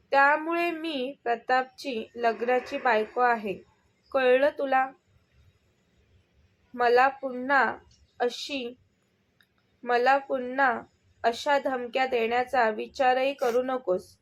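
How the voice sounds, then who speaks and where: A woman's voice: high-pitched, steady tone, takes it slowly, long pauses. A woman reading a defiant young wife, firm and unafraid. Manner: firm, scolding, stands her ground.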